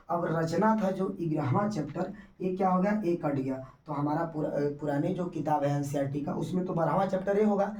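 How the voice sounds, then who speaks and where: A man's voice: on the high side, darkish tone. A male teacher going through a syllabus chapter by chapter, repeating himself and checking that students follow. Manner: repetitive, checks students understand. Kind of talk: syllabus explanation lesson. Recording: echoey room, mic at a distance.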